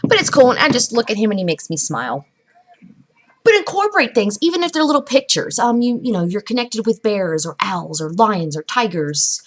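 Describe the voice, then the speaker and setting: A woman's voice: medium pitch, sing-song, brisk. A woman vlogging from home at her computer desk, giving casual how-to tips in a rambling, chatty way with lots of fillers and restarts. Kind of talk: casual how-to talk to camera. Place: indoors at home. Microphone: camera mic at a computer desk.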